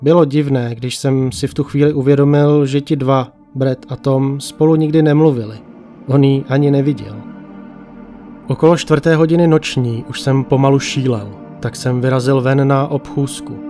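A man narrating a ghost story in the first person, calm and measured. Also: medium pitch. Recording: faint music behind.

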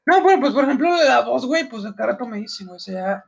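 A young man with a Mexican accent and an unusually high voice, chatting casually in a laid-back, slangy way. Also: lively intonation, fast, creaky. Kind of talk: casual chat.

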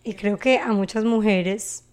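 A woman's voice: medium pitch, fairly even intonation, measured pace, darkish tone. A woman hosting an interview podcast in her studio, introducing and questioning her guest. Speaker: podcast host. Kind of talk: conversational interview.

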